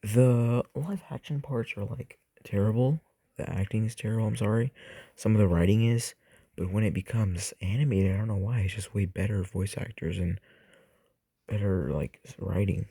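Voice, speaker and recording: A man's voice: lowish voice, moderate pace, vocal fry, dark tone, breathy edge, dry recording. A young man casually reviewing movies for his channel, rambling and swearing with lots of fillers. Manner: rambling, profane, filler-heavy.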